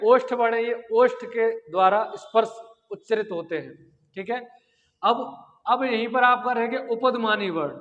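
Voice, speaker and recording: A man's voice: very high-pitched, fairly bright tone, in a large hall, muffled recording. A man teaching Sanskrit grammar in an exam-prep lecture. He asks the class questions, answers them himself, and sounds out the lip consonants. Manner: demonstrates lip sounds aloud.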